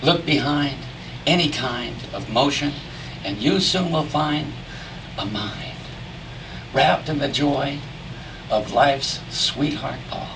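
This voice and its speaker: A man reciting cowboy poetry as drawn-out storytelling verse, with folksy rustic diction and dramatic pauses. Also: medium pitch. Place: live poetry reading at a venue. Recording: distant mic in noisy live room.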